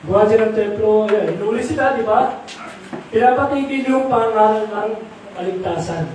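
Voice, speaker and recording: A middle-aged or older man preaches a sermon in Tagalog mixed with English, putting rhetorical questions to his audience. His voice is high-pitched, a little mellow and moderately paced, picked up from far off in an echoey room with faint noise.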